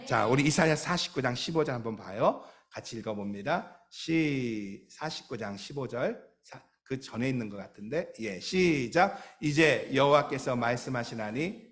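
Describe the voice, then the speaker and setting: A man's voice: mid-range voice, animated, moderate pace, hardly any pauses. Emphatic storytelling male pastor. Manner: storytelling, emphatic, with light humor. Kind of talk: sermon.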